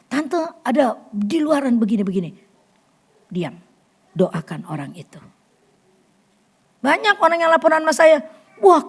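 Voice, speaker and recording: A woman preaching a sermon to a fellowship group in a church hall, animated, acting out quotes and swinging from loud to hushed. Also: medium pitch, husky. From Indonesia. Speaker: women's fellowship leader.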